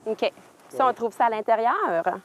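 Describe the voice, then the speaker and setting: A woman's voice: a little high, lively intonation, unhurried, poor audio. A woman with a Québécois accent, a documentary host asking questions in a casual conversational style. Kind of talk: casual on-location interview.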